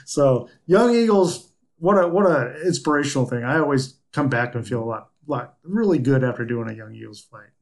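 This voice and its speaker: Male podcast host, mid-pitched, chatty and anecdotal, relaxed interviewer. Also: normal speed, gravelly. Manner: chatty, tells anecdotes with many filler words. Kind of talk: casual interview chat.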